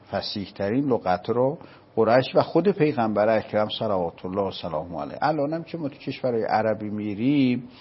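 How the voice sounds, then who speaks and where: A man from Isfahan with an Isfahani accent, explaining a religious topic step by step and often asking whether it is clear. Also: medium pitch, lo-fi sound. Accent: Isfahani Persian. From Isfahan, Iran. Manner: patient, explaining step by step with checking questions. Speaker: religious scholar. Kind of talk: explanatory lecture in conversation.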